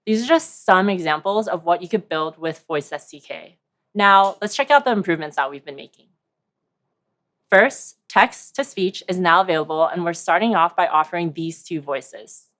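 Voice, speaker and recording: A woman presenting at a developer conference in a clear, steady, rehearsed delivery. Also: lowish voice, moderate pace. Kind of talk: scripted product presentation.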